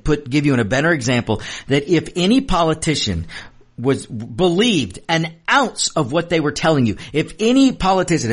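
A man's voice: medium pitch, breathy edge. A man hosting talk radio in an emphatic unscripted monologue, repeating phrases for effect.

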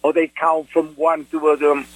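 A man's voice: a little high, flat delivery, moderate pace, no echo, poor audio. An older man from Vietnam with a Vietnamese accent, recollecting in a radio interview and often searching for words in English, which is not his first language. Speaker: interview guest, war veteran.

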